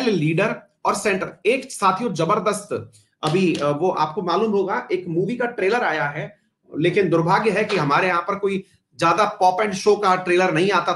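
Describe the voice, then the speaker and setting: A high-voiced man teaches a live online history class for exam prep, chatting freely and often addressing his students warmly while mixing English terms into his speech.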